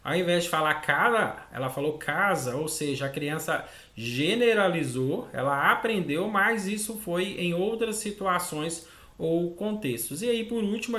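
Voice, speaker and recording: A man's voice: a little high, normal speed, sharp tone, echoey room. A man with a Brazilian Portuguese accent teaching an online speech therapy lesson, explaining step by step and often checking in with "né?". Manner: explanatory, acts out child and mother dialogue, frequent "né?". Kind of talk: online lecture.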